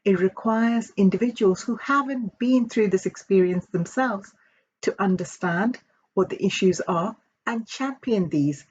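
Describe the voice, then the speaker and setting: A mid-pitched woman explains her views thoughtfully. The recording is slightly muffled, with a faint hiss behind her. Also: darkish tone. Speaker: interviewee.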